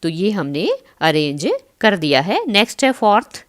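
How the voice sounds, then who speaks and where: A lowish, very animated female voice leads an online school English lesson. Addressing the pupils as children, she carefully spells and pronounces words, reading English sentences slowly and then giving Hindi explanations.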